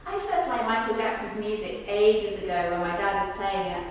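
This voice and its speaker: A woman at moderate pace, with a mid-range voice close to everyday speech, earnestly performs verbatim theatre monologues in rehearsal. The accounts are from people describing a football club's celebrity visit. She's recorded from afar in a large, reverberant room with faint noise.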